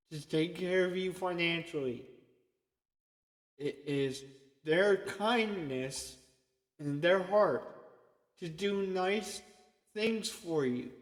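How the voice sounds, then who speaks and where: A man preaching an informal sermon in a conversational way, often checking in with "okay?". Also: on the high side. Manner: conversational, repeatedly asks "okay?". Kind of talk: informal sermon to an online group. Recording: echoey long reverb.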